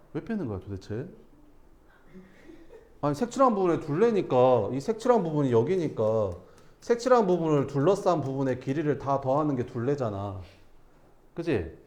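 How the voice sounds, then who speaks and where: A man's voice: a little high, roomy sound. A male math teacher giving a classroom lesson, casually questioning students and answering himself.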